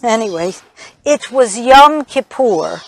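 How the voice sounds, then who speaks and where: An actress playing a gentle, hesitant older woman in a stage play, stammering softly as she offers comfort. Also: on the high side, expressive, slow, dry recording, exaggerated voice, low-quality recording. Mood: earnest. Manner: hesitant, stammering, soft-spoken.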